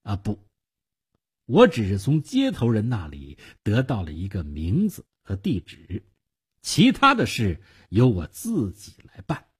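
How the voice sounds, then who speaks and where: Male narrator playing blunt hired gunman, husky and slow, grudging. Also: on the low side, huge pitch swings, heavily acted. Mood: wary.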